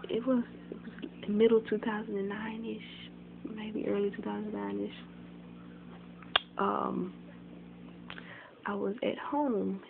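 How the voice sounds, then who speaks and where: A woman's voice: mid-range voice, gravelly. A young woman telling a personal story in a casual, rambling way, full of "like" and "you know". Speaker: vlogger. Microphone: phone. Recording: tinny phone recording with faint hiss.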